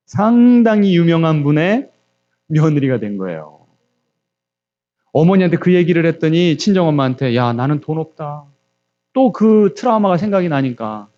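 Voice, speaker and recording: Man, pastor, sermon, acts out quotes, mellow tone, muffled lo-fi sound. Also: fairly high pitch. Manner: storytelling with quoted voices and questions to the congregation.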